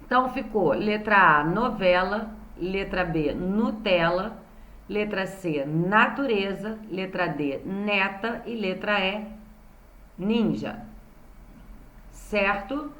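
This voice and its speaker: A woman's voice: medium pitch, expressive, slow pace, a bit bright. A woman with a Brazilian Portuguese accent, a primary school teacher recapping a remote lesson for young children and patiently sounding out words syllable by syllable. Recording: roomy echo.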